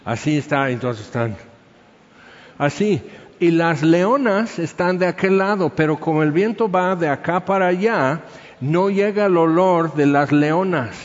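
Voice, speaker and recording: A man preaching a sermon, telling stories in a lively way and acting out little scenes as he goes. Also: a little high, a little slow. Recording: echoey hall, dull sound.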